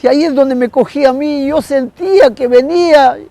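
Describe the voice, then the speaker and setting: A man telling an emotional religious testimony in a halting way, again and again calling his listener "brother". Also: very high-pitched, warm tone, no echo, poor audio. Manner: halting, keeps addressing the listener as "hermano". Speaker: guest giving a religious testimony.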